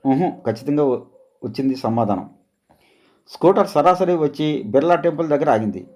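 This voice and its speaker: Male storyteller, calm scripted narration, mellow tone. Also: on the high side, normal speed.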